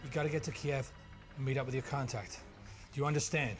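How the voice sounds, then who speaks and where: A man playing a detached male handler giving orders in a low-budget film, speaking curtly. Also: steady tone, fast talker, lightly acted. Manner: curt, detached. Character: cold male handler on the phone. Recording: film soundtrack with music.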